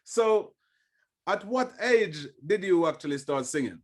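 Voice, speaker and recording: A man's voice: high-pitched, sing-song, measured pace. A man hosting a reggae podcast, respectful and enthusiastic as he asks his guest questions. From Jamaica. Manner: enthusiastic, respectful, says "give thanks". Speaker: podcast host. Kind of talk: warm casual interview.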